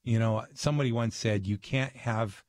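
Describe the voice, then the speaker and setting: A man guest on a radio talk show, telling a story in an earnest, animated way. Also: medium pitch, moderate pace, no room sound, clean studio sound. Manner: earnest, animated, acts out voices in his stories.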